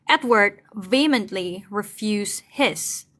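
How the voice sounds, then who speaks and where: Woman reading a book out loud n translating as she goes, chatty, mid pitch, keeps stopping to hunt for words. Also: expressive, slow pace. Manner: casual, thinks aloud, searches for words; mixes English and Indonesian freely. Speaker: online English-to-Indonesian tutor. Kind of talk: reading a novel aloud and translating it.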